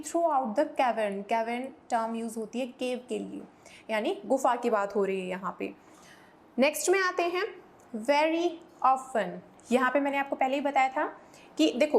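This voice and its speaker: High-voiced woman teaching English vocabulary. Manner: explains in Hindi, reads English examples slowly and clearly; urges viewers to repeat pronunciations aloud. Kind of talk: vocabulary lesson.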